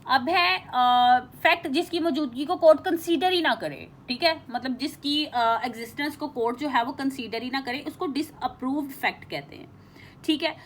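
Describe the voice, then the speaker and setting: A high-pitched woman teacher gives an informal lecture, explaining things and reading out definitions. She speaks haltingly and repetitively, frequently adding check-in tags.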